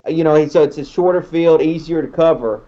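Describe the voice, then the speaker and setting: A man's voice: on the high side, brisk, warm tone. A married man co-hosting a live sports stream, giving rambling, opinionated takes on the game. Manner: rambling, opinionated, restarts often. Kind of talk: casual sports chat. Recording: dull lo-fi audio.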